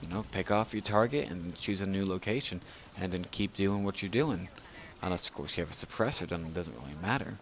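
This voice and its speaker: A man's voice: sits low, a little fast, fairly bright tone, a little hiss or hum. A drunk man giving casual, rambling video game commentary as a tutorial narrator, losing his train of thought.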